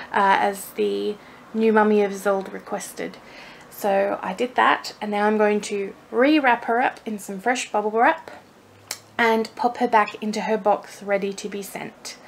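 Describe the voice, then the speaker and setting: A woman's voice: medium pitch, a little hiss or hum. A woman chatting casually to her camera while packing a parcel at home, a little nervous and apologetic, with her camera mic set a fair way away from her. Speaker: doll vlogger.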